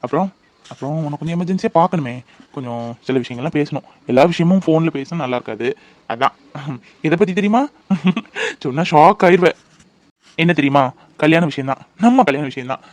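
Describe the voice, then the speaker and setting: A man's voice: on the high side, brisk, no echo, close to an everyday voice. A man voicing a devoted young fiancé in a cartoon, coaxing and reassuring. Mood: earnest. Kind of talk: cartoon voice acting.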